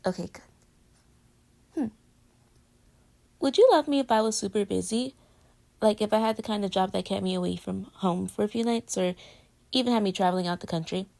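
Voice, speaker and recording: With a mid-range, darkish, creaky natural voice, a woman speaks briskly but with long pauses. She's an audio roleplay voice actor playing an affectionate girlfriend in casual pillow talk, teasing her partner conversationally with giggles, her mood playful and curious.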